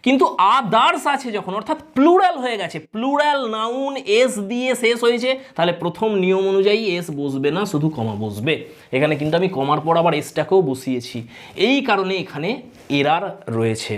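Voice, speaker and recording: Woman, Bengali accent, grammar teacher, lively rising and falling voice, step-by-step explanations, rhetorical questions to students. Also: mid-range voice, brisk. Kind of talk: exam-prep grammar lesson.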